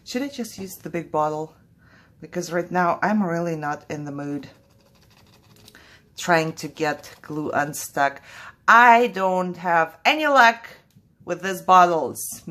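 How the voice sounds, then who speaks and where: Hosting her relaxed crafting channel in English, this Russian-speaking woman from Kazakhstan has a lowish, slightly bright voice and an animated yet somewhat slow delivery. Her talk is chatty and nervy, full of frequent laughter.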